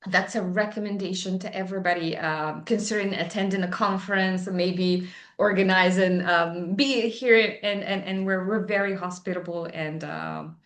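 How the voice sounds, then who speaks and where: A woman's voice: lowish voice, fairly even intonation, normal speed, few pauses, a bit bright. A woman from Tunisia, a native Arabic speaker with a North African, Tunisian accent, telling a personal story in conversation. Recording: roomy, echoey sound.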